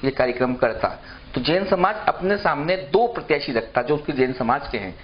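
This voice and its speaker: Mid-pitched man moderating a debate. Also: lively intonation, normal speed. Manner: poses questions, mild hesitations. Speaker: news anchor moderating debate. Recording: dull lo-fi broadcast audio with faint background noise.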